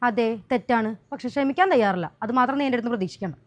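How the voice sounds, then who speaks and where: An actress playing a feisty, quick-tempered young woman who fires back indignant retorts in a short drama, with music behind. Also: a little high, natural voice. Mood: angry. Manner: sharp-tongued, indignant retorts. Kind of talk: Malayalam short drama acting. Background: background music.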